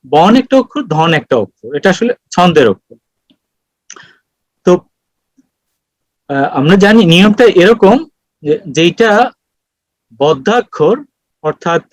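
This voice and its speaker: A man giving an online lecture on poetry meter, explaining slowly with many pauses and fillers over a video call. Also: a little high, no room sound, poor audio.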